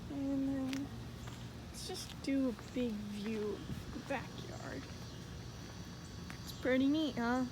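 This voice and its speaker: Speaking slowly with long pauses in a high-sitting voice, a woman films a rambling, casual vlog, starting in the backyard before heading inside. She's talkative and giggles a lot, and the homemade recording is noisy.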